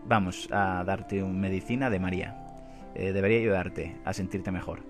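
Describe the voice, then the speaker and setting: A man voicing a gentle, sickly mother in a game, softly and reassuringly. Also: low-pitched, fairly even intonation, moderate pace, over music. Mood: tender.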